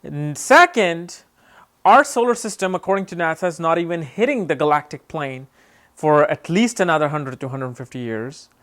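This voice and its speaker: A man's voice: fairly high pitch, lively intonation, moderate pace, a bit bright. A man talking casually to his viewers in a rambling, tipsy way, saying he is losing his voice. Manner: rambling, says he is a bit drunk. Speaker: astrology vlogger. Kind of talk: casual talk to camera.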